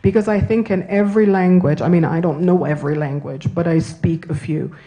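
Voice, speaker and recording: A woman's voice: fairly low pitch, fairly even intonation, a little fast, dark tone, low-quality recording. A woman who grew up in Germany and Italy, giving a university lecture and answering questions, talking in a discursive way and often checking in with "right?". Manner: discursive, self-correcting, asks "right?". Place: university auditorium.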